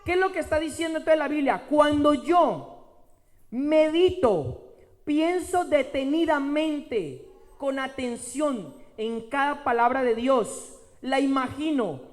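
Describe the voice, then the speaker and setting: A man preaching a sermon at an unhurried pace, his pitch rising and falling widely. He stretches key words and repeats phrases for emphasis. His voice carries a long reverb, as if recorded in a large hall. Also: lively intonation.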